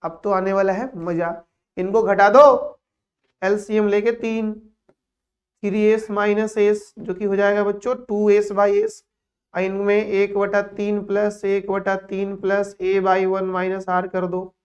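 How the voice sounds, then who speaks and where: A man's voice: sits high, level tone, slow pace, lo-fi sound. A man teaching math in a lecture, joking with his students between steps of working. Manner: playful, teasing asides between calculations. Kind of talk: classroom lecture.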